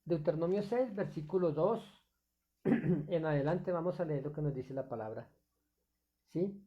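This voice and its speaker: A man's voice: on the high side, measured pace, husky, dull audio. A male pastor preaching a sermon off the cuff, full of fillers, restarts and rhetorical questions.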